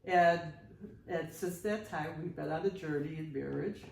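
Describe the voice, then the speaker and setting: A woman in her sixties co-hosts a podcast, telling stories casually with a playful, teasing manner. Her deep, gravelly voice is a little mellow at normal speed. The roomy recording, made some distance from the mic, carries a little hiss or hum.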